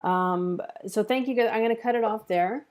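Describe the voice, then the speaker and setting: Hosting an online script table read, a woman with a fairly high voice speaks at a normal pace. Her chat is casual, appreciative and encouraging as she gives feedback and wraps up the stream.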